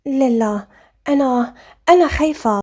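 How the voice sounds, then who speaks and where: A shy, frightened young wife in a spoken storybook, with a Moroccan accent, voiced by a woman reader. She speaks hesitantly and timidly, in a high, mellow voice. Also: unhurried. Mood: fearful.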